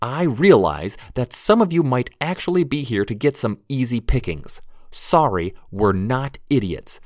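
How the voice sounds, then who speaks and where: A man voicing a small, bold young woman who gives brisk, commanding orders. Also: medium pitch, big pitch swings, a little mellow, no echo, studio quality, pitched above the performer's own voice.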